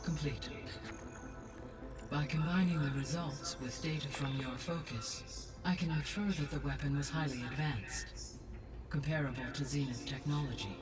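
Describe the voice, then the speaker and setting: A man playing a calm, courteous artificial intelligence in a video game, with formal, precise speech. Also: a little high, moderate pace, natural voice, rough recording. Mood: calm, analytical. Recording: game music behind.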